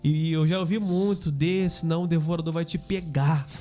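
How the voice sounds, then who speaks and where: A man with a Brazilian Portuguese accent, a podcast guest telling a personal faith story in a relaxed, slangy, casual way. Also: on the high side, normal speed, faint music behind. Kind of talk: casual testimony chat.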